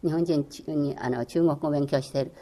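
An older woman, a native Chinese speaker who once lectured on languages over the radio, answers interview questions earnestly and encouragingly, with many hesitant fillers. Her voice is low and dark in tone, her intonation fairly even, and she speaks a little fast.

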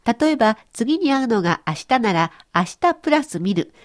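A woman's voice: on the high side, normal speed. A woman presenting a radio language lesson, explaining cheerfully. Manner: cheerful explaining, lively intonation. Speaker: language teacher.

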